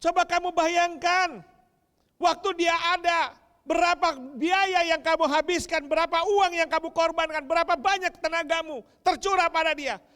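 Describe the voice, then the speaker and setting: A man's voice: extremely high pitch, steady tone, normal speed, bright, forceful tone, voice pushed up. A male pastor voicing God speaking patiently and questioningly to a grieving father. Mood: gently probing. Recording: long reverb of a church hall.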